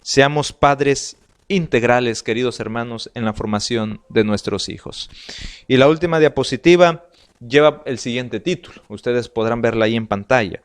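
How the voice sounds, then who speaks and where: A man's voice: medium pitch, normal speed, smooth. A man with a Salvadoran Spanish accent giving an earnest family life sermon, reading slides aloud and repeating words as he goes. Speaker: pastor.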